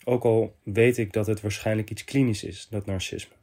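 Low-voiced man reading a letter aloud. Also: steady tone, normal speed, a little mellow. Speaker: podcast host reading a listener's letter. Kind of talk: reading a confession letter aloud, then reacting.

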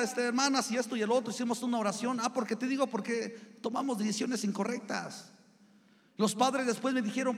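A man with a Mexican Spanish accent, a pastor preaching a sermon with a personal story, talking conversationally to the congregation as brothers. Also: extremely high pitch. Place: church sanctuary. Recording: long hall reverb.

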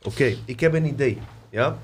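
A man's voice: medium pitch, moderate pace, slight background noise. Easygoing male podcast host, slangy. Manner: relaxed, slangy, addresses viewers. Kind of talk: casual podcast chat.

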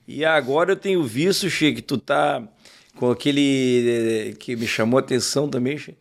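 Male host, gaúcho accent, gravelly voice, enthusiastic interviewer. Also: mid-range voice, moderate pace. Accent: southern Brazilian gaúcho. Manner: enthusiastic, exclamatory reactions. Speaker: podcast host. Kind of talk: casual interview chat.

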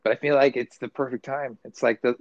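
A man rambles through a casual podcast chat, swearing freely and correcting himself mid-thought. His voice sits in a middle pitch. The recording is dry and a little dull. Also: steady tone, a little fast, a little mellow, no echo. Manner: rambling, profane, loose and self-correcting. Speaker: podcast co-host.

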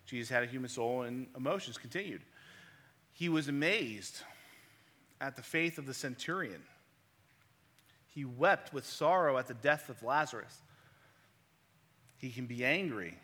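A man delivers a sermon in a bright, forward voice, talking to his listeners casually and asking them rhetorical questions. His voice rings out with the long reverb of a large hall. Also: medium pitch, expressive, measured pace, long pauses. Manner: conversational, asks the audience rhetorical questions. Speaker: preacher.

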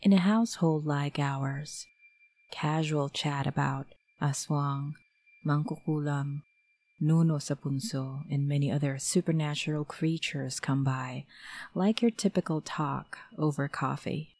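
Casting: woman, middle-aged, Filipino accent, deep and unhurried, dramatic host for spooky tales. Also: steady tone, a little mellow, dry recording. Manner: measured, dramatic storytelling delivery. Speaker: storyteller host. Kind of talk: scripted spooky story narration.

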